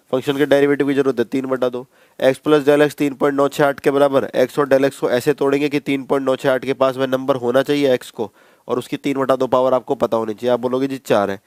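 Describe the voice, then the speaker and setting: Smooth-voiced male maths teacher lecturing. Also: medium pitch, a little mellow, dry recording. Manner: conversational, addresses students as bhai, repeats steps. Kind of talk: classroom lecture.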